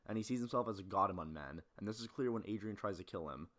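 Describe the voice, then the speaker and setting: A man with a fairly low, expressive voice narrates a film analysis video at a fast clip, blunt and opinionated. He slides between scripted essay and casual, sweary commentary, and the recording is very noisy.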